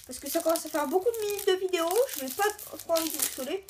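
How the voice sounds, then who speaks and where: High-voiced woman chatting through a card unboxing. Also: background noise. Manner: halting, chatty, lists names one by one. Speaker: video host. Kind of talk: casual card-unboxing commentary.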